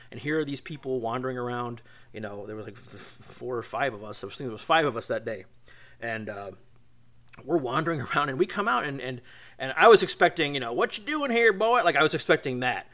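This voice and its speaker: A man's voice: on the high side, bright, forceful tone. A man in his forties hosting a podcast, telling a road story in a rambling, chatty way with lots of asides. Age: 40s. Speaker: podcast host. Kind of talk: casual storytelling.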